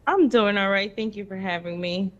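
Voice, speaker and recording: A woman in her thirties from the Dominican Republic, a native Spanish speaker, talking casually as a guest in an interview, relaxed and conversational, with frequent pauses. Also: mid-range voice, dull audio.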